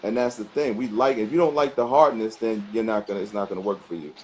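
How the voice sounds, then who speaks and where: A man's voice: lowish voice, fairly even intonation, fast talker. Guy dog trainer chatting in an interview, slangy and emphatic, kinda dull muffled audio w some noise. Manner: colloquial, emphatic, repeats phrases for emphasis. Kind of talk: casual interview answers. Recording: muffled sound with background noise.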